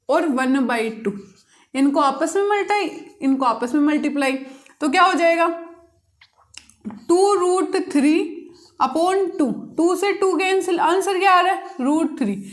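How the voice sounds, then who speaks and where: A woman with a high, light voice teaches a maths lesson. She works through each step patiently and repeats key points. She keeps asking the class questions and then answers them herself. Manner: patient, repetitive step-by-step explaining. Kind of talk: blackboard-style maths lesson.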